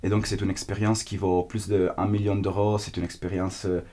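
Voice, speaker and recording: In a testimonial interview, an Italian exchange student speaks earnestly in a second language he hasn't mastered, hunting for the right words. His accented voice sits low and sounds warm, with a flat delivery at a moderate pace.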